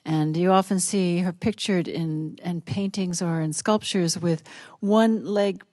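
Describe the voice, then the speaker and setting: A woman musician calmly introducing a song, gentle and reflective, softly trailing off. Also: on the low side, a little slow, dry recording. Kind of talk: calm spoken song introduction.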